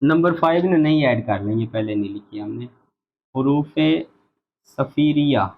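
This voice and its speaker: A man teaching an online Quran recitation lesson, slowly drilling letter sounds and repeating them for practice. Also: medium pitch. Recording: dull lo-fi audio.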